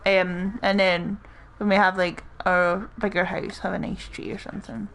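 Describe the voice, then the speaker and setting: A woman's voice: mid-range voice, moderate pace, gravelly. A young woman with a Scottish accent, chatting casually on a game stream with dry, teasing humor. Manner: teasing, deadpan. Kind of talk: casual chat while gaming.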